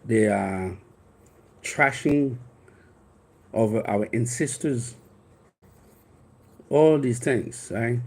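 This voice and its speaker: A Haitian-accented life coach in his fifties, originally from Haiti and a first-language Haitian Creole speaker, shares a personal story in an earnest, rambling manner with many restarts. He speaks very slowly with long pauses, in a mid-range, slightly mellow, breathy voice.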